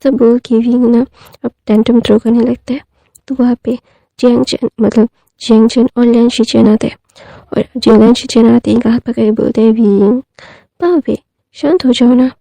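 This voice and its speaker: A woman's voice: a little high, flat delivery, a little fast, vocal fry, warm tone, no room sound, rough recording. A woman narrating a fan fiction story in a casual, conversational way with frequent asides and fillers.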